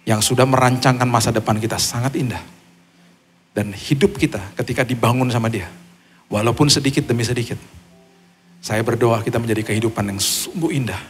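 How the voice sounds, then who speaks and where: Male pastor, sermon with testimony; animated storyteller who acts out quoted voices. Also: on the low side.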